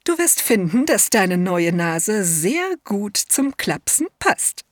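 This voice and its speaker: A woman voicing a wise, kindly rock python in a storybook, slow and knowing. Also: mid-range voice, big pitch swings, no echo, clean studio sound.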